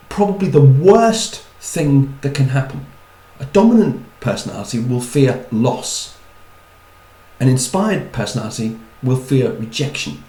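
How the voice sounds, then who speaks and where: A man's voice: mid-range voice, mellow, roomy sound, low-quality recording. A man giving a chatty talk on personality types, with wry asides and repeated words. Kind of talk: talk to an audience.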